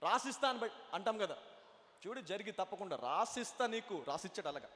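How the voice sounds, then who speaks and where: A male pastor with a very high voice delivers a sermon. He keeps asking the congregation questions and slips English lines into his preaching. His voice rings with long reverb in a church hall. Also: lively intonation, brisk, a bit bright. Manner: preaching with rhetorical questions, mixing in English phrases.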